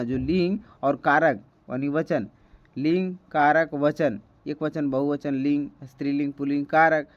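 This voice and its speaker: A man's voice: a little high, a little mellow, highs cut off. A man from India explaining grammar as a teacher, repeating key terms and checking in often with the viewer. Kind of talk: Hindi grammar lesson.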